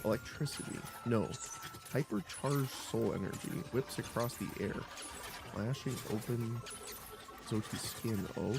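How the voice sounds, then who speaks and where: A man streaming a role-playing game, reading its text aloud with expressive narration and quick reactions. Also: medium pitch, gravelly, background noise. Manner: expressive narration broken by laughs and small exclamations. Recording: voice over game music.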